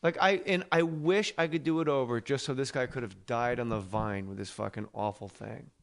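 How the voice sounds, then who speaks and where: A man's voice: mid-range voice, gravelly, a bit bright. A man in his forties from New Jersey, hosting a podcast in casual, profane chat and slipping into impressions. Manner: profane, quick to slip into impressions. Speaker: podcast host and comedian.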